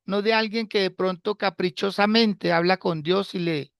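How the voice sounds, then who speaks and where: A male pastor preaching a sermon in a slow, deliberate way. He repeats his phrases and puts rhetorical questions to the congregation. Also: sits high, steady tone, gravelly, a bit bright, clean tone, no echo, clean studio sound.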